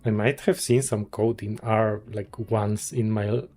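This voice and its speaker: A man's voice: lowish voice, steady tone, a little slow, darkish tone, faint music behind. A man, chatting casually on a livestream as a game developer, thinking aloud with many restarts and small chuckles. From Poland.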